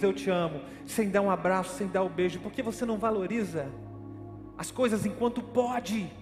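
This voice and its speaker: A Brazilian man preaching a sermon, telling a personal story with dramatic re-enactment and calling listeners brother. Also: sits high. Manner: dramatic storytelling, acts out his own panic; addresses listeners as brother, asks questions. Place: church hall, streamed online. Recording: echoey hall with faint music.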